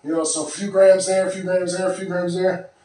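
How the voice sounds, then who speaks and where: Brief: man, 30s, winded fitness vlogger, fairly high voice, rambling chat heard from across an echoing room. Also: little pitch movement, brisk, mellow. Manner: rambling, breathless after lifting, clears throat often. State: out of breath. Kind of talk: casual talk to camera. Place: small home gym room. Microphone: far camera. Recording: very echoey room, from far off.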